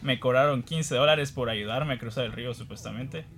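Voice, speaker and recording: A man's voice: mid-range voice, fairly quick, vocal fry, fairly bright tone. A man from Guatemala, a guest on the program, telling a personal anecdote in a casual, self-deprecating way, laughing now and then.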